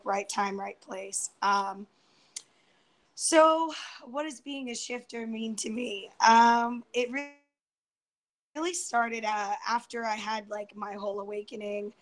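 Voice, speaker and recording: A woman in her twenties joins a live round-table stream from a room at home, speaking through an earphone headset on a video call. Her fairly high voice is soft and hesitant, full of ums and restarts, and it grows tired and hoarse as she loses it. She shares casual personal stories, and the recording is rough.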